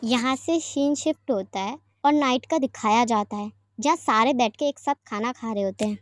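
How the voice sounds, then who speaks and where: A woman's voice: a little high, normal speed, slight background noise. A woman narrating a story in a casual retelling manner, linking scenes together.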